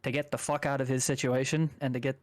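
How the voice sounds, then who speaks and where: A man's voice: medium pitch, level tone, fast, dry recording. A young man from Canada, a guest on a chat stream, rambling casually through a personal story and swearing now and then.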